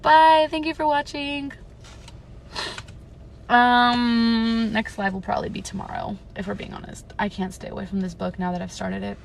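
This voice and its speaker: With noticeable vocal fry, a woman in her 20s reads to her livestream viewers and then chats with them in a meandering way, leaning on filler words. Her pitch is fairly high and fairly even, her pace moderate, with a bit of background noise.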